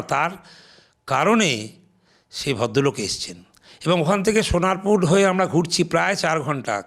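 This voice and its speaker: Gravelly older man telling stories. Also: a little high. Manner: lively raconteur, acts out quoted people in Hindi. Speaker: interview guest. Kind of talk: storytelling anecdotes in an interview.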